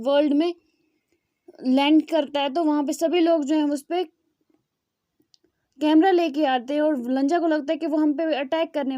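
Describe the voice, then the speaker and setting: A young woman with a high but mellow voice, retelling a fan story in a loose, rambling way and often restarting her sentences. The sound is dry and close, with no room around it. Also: dry recording, highs cut off. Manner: loose spoken retelling with frequent fillers and restarts.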